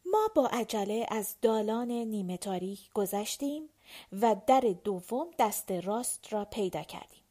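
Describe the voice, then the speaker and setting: A woman with a mid-range voice reads an audiobook aloud. Her scripted narration is measured and even, in a steady storytelling style.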